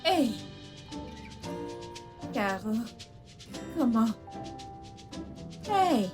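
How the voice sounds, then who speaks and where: A woman's voice: fairly high pitch, big pitch swings, drawn-out words, over music, full character voice. An actress playing a defiant young woman of modest means who talks back, in a dubbed film drama. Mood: playful. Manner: playful then indignant, exclaiming.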